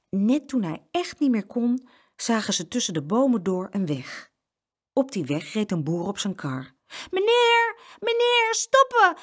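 A woman reading a children's book aloud in an expressive, animated way. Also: medium pitch, breathy edge. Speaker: storyteller.

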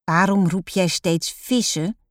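A woman voicing a young girl, a quick-tempered little sister who talks in a shrill, whiny way. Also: no echo, clean studio sound. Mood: indignant.

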